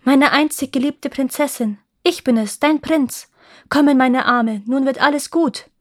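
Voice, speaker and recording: A woman's voice: on the high side, normal speed, dry recording, studio quality, voice pushed up, natural voice. A woman voicing an urgent young prince. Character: young male prince, eager and devoted.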